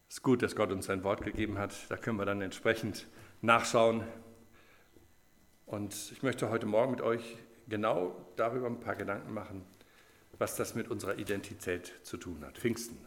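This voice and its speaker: Gravelly low-voiced male preacher. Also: moderate pace, long pauses. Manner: conversational, with storytelling and frequent fillers. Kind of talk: sermon.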